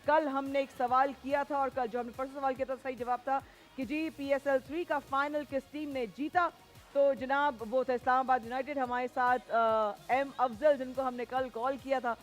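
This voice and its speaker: A woman hosting a prize show on a TV studio set, lively and mixing in English phrases as she directs her guests. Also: high-pitched, normal speed, soft background music. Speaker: game show host.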